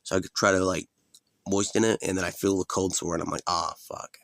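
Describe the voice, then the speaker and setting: A man's voice: low voice, steady tone, fast talker, creaky, no room sound, clean studio sound. A man talking in a casual, rambling solo vlog, laid-back and unscripted, with some offhand swearing. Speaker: vlogger.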